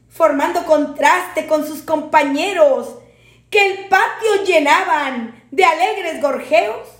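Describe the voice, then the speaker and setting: A woman giving a dramatic poetry recitation with a solemn, theatrical delivery. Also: high-pitched. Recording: roomy echo.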